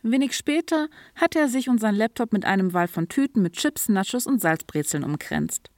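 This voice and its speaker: A woman reading a story aloud in an even, clear storytelling manner, now and then lightly voicing the characters. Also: mid-range voice, normal speed, no echo, clean studio sound. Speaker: narrator. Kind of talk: audiobook reading.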